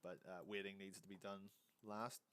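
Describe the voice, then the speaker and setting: A man's voice: sits low, flat delivery, moderate pace, fairly bright tone, clear, resonant tone. A man, hungover, rambling through a casual animation tutorial at his computer, often correcting himself. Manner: rambling, self-correcting, easygoing. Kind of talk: casual screen-recorded tutorial.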